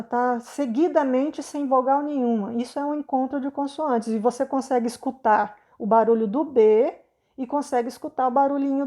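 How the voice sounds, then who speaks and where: Patient Brazilian teacher, high mellow voice. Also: female voice. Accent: Brazilian Portuguese. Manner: patient, repeats tag questions, sounds words out slowly. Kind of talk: explanatory lesson for children.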